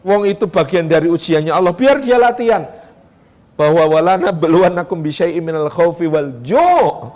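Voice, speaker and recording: High-pitched male preacher, chatty and animated sermon delivery. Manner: animated and conversational, acting out examples. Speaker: Islamic preacher. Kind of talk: lively sermon to parents.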